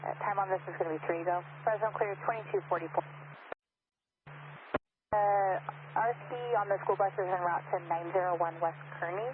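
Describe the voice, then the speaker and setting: A woman's voice: mid-range voice, fairly even intonation, fairly quick. A woman police dispatcher reading out calls over police radio in clipped, routine code talk. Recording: tinny radio with static.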